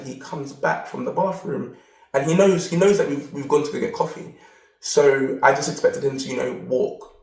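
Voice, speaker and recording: A man's voice: medium pitch, creaky, far from the mic. A man hosting a self-help video, telling a rambling personal story with lots of repeated words. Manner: rambling, repeats words, animated when quoting. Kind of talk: casual storytelling monologue. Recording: roomy, off-mic sound.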